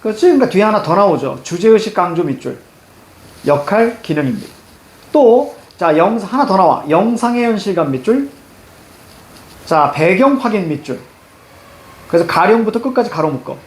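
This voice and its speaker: A man's voice: high-pitched, moderate pace, pauses often, reverberant. A man teaching a reading lesson for exams, walking students through a passage and prompting them with questions. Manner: lively, repeats "자" constantly, prompts students with questions.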